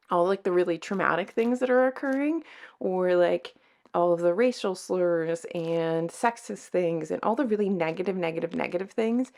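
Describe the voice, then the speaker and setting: A woman's voice: fairly low pitch, gravelly, darkish tone. A woman chatting casually to viewers as a book vlogger giving a review.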